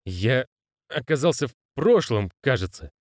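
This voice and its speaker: Man reading as a jittery young conman, raised and flustered, lively swings, dry close sound. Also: medium pitch, a little slow, no echo, pitched above the performer's own voice. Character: jittery male conman, young adult, exasperated. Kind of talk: audiobook character reading.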